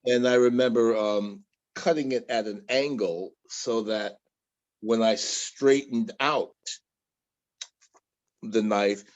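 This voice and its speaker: A man, a guest bladesmith, talking haltingly with restarts in a casual interview over a video call. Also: mid-range voice, dull audio. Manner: halting, with many restarts and fillers.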